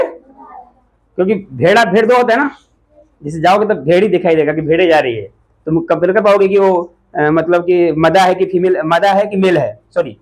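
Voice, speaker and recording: A man teaching a classroom lesson, asking the pupils short repeated questions and sometimes calling out loudly. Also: high voice, low-quality recording.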